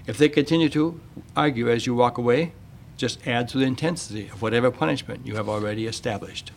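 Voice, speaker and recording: Gravelly-voiced male radio host. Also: medium pitch, fast, a little hiss or hum. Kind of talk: scripted radio monologue and interview.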